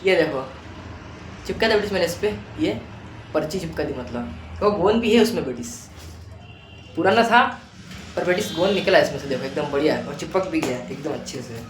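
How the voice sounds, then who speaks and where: A young man vlogging casually to his phone camera, chatty, sometimes dropping to a hushed voice. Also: on the high side, animated, a little fast, pauses often, slight background noise, poor audio. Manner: chatty, repeats a filler word, drops to a hushed voice near the mosque. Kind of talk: casual vlog chat to camera. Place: outdoors and at home, walking around.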